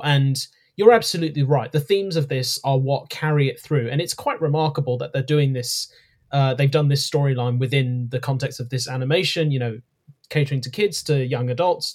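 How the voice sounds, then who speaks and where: A man's voice: mid-range voice, steady tone, moderate pace, a little mellow. A man co-hosting a podcast, reviewing an episode in casual chat, hesitant with many ums and self-corrections. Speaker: podcast co-host.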